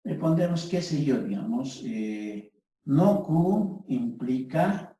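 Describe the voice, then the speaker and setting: A man's voice: mid-range voice, lively intonation, slow pace, warm tone. A man teaching a math lesson, explaining step by step and often checking with his students through short questions. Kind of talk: classroom lecture at a board. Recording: very echoey room, voice from far off the mic.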